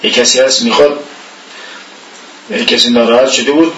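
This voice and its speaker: A man's voice: mid-range voice, fairly even intonation, fairly bright tone, slight background noise. A man giving an informal religious lecture in a conversational way, asking rhetorical questions and chuckling now and then. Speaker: religious teacher. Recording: echoey room, voice from far off the mic.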